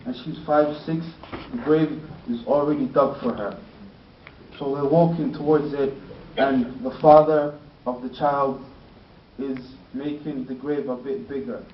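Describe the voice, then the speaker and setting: A man's voice: mid-range voice, steady tone, measured pace. A man telling a story in a sermon, using lots of fillers and rhetorical questions. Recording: roomy, distant, dull lo-fi with faint noise.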